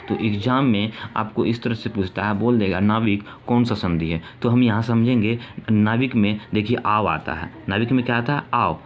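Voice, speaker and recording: A male teacher giving a grammar lesson, repeating his points and asking questions that he answers himself. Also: fairly low pitch. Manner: repetitive, asks questions and answers them himself. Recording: dull lo-fi sound with faint ambient noise.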